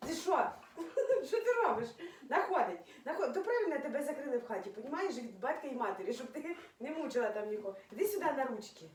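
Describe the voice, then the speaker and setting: High, lively woman cooing at her dog. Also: fast, far from the mic. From Ukraine. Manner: playful cooing baby talk; teasing, laughing often. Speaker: dog owner. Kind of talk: casual home video talking to her dog. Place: at home indoors. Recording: roomy, from off-mic, faint noise.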